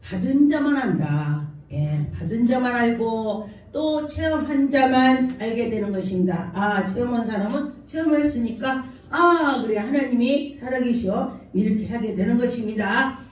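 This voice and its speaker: High-voiced woman pastor preaching. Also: lively intonation, moderate pace, darkish tone. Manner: storytelling, acting out quoted speech. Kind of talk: sermon. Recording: echoey hall from far off.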